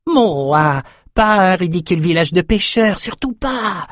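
A man's voice: high voice, lively intonation, measured pace, a bit bright, dry recording, clean studio sound, pitched above the performer's own voice. A man doing a singsong, unhinged albino shaman. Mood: feverish urging. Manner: singsong, chanting. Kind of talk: audiobook character voice.

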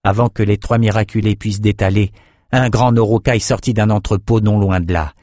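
A man narrating an audiobook in a steady, measured reading on a close mic. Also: fairly low pitch, no echo. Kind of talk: scripted narration.

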